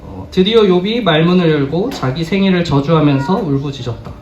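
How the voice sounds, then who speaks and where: High-voiced man preaching in a roomy church. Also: expressive, fairly quick, a little mellow, highs cut off. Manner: earnest, rhetorical questions to the congregation. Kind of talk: sermon. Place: church sanctuary. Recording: roomy, distant, faint background noise.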